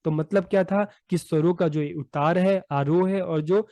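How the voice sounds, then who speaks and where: A man with a fairly high, mellow voice gives a patient lesson. He goes over his points more than once, recorded close on a dry mic. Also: steady tone, moderate pace, no echo. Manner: patient, repeats points with "theek hai". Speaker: teacher. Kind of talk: explanatory lesson.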